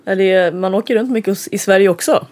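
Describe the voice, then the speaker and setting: A touring band musician from southern Sweden, chatting casually as an interview guest, laughing often and trailing off into soft asides. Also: mid-range voice.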